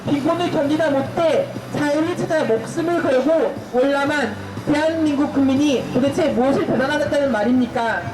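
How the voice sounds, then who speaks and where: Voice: high-pitched, brisk, hardly any pauses. A rally speaker giving a fiery, declamatory political speech, rousing listeners with rhetorical questions and chants. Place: public protest rally. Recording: echoey loudspeaker, distant mic, crowd and music.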